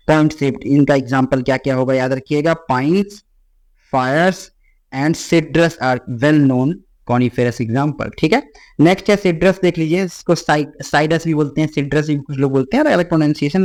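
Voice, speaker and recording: A man teaching a biology exam-prep lecture. He mixes Hindi with English lines he reads slowly and keeps checking in with "theek hai.". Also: a little high, a little mellow. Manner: repeats "ठीक है" as a check-in with students.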